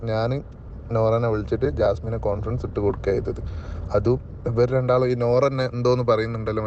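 A young man with a Malabar Malayalam accent records a rambling voice message in a low, very flat voice. He halts and repeats himself as he explains his side. The sound is dull and lo-fi, as on a phone voice note. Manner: halting, repetitive, rambling explanation. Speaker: ex-fiancé giving his side of a story. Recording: dull lo-fi voice note, clear outdoor noise.

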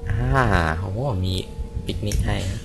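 A man giving casual let's-play commentary, excitable, swearing at enemies and talking to himself. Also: unhurried. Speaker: gameplay commentator. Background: game music.

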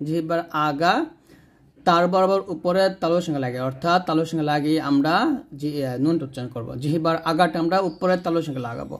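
A man teaching Quran pronunciation, slowly drilling each syllable. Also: a little high. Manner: slow drilled syllable repetitions. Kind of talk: step-by-step pronunciation lesson.

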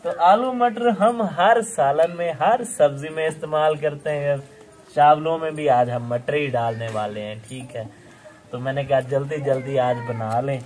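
His voice is a little high and a little mellow, and he talks at a measured pace. A young vlog host from Pakistan, he chats with his viewers during a casual outdoor village vlog, laughing often and saying "okay" again and again.

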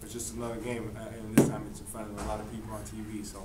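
A young adult man, a football quarterback, answering postgame questions in a relaxed way with many fillers and restarts. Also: on the low side, very fast. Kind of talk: postgame press conference answers. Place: press room in front of a sponsor backdrop. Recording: roomy, distant, noisy press room.

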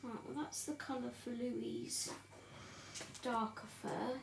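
A chatty woman in her thirties with a high, bright-sounding voice talks easily to her stream while she colours, laughing often and greeting viewers by name. Her voice carries a roomy echo from the home room around her, with a faint hiss of noise underneath. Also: fairly even intonation, slow, gravelly. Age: 30s. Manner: chatty and giggly, reading out viewers' names. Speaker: livestream host colouring on camera. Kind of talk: casual chat while colouring.

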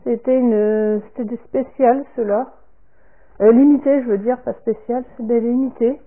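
A woman vlogger showing a product order in casual talk, halting and trailing off softly after each item. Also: on the high side, steady tone. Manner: slow and halting, repeats "comme ceci" and "voilà", trails off softly. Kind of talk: casual unboxing talk to camera. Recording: tinny phone-like sound.

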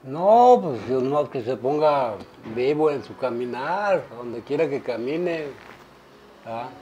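Older father giving halting advice. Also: medium pitch, expressive, dark tone, muffled recording, faint music behind. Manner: halting, rambling advice with many restarts and tag questions. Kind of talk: casual family interview.

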